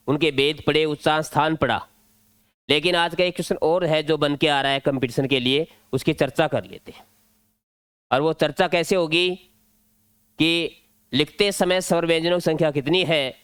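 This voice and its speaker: A male teacher whose voice is fairly high, a bit bright, clear, and resonant teaches exam-prep grammar at a board in a Rajasthani Hindi accent. He takes it step by step, drilling each point, in a recording free of room sound.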